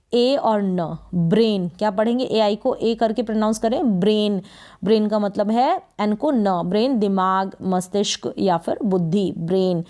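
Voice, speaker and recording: Higher-voiced woman teaching phonics slowly. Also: a little mellow. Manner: sounds out letters slowly, asks and answers her own questions. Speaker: English reading teacher. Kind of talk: phonics lesson for beginners.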